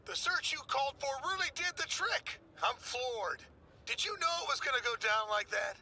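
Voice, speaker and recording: An actor playing a deferential, admiring subordinate in a video game, with a creaky voice. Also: male voice, very high-pitched, big pitch swings, normal speed, full character voice. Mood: respectful, amazed. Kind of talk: video game character voice acting.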